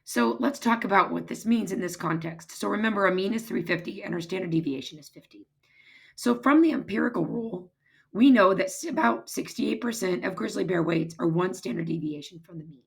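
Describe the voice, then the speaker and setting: A woman with a hoarse, raspy voice that is giving out, explaining step by step as a math teacher in an informal recorded lecture. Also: lowish voice, brisk. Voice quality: husky, raspy, strained voice. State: hoarse, losing her voice, throat-clearing.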